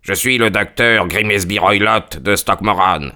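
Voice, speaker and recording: A towering old country doctor with a forceful, hard-edged voice, barking threats and bullying everyone in the room, as a man puts him on. Low in pitch and quick to shout, he is pure menace in this storybook reading. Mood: menacing.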